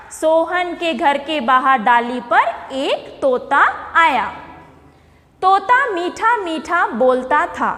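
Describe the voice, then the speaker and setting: A woman's voice: very high voice, fairly bright tone, long reverb tail. A woman teaching a primary school Hindi lesson who asks the class questions, repeats the answers and stretches out words to model pronunciation. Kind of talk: slow, deliberate classroom lesson.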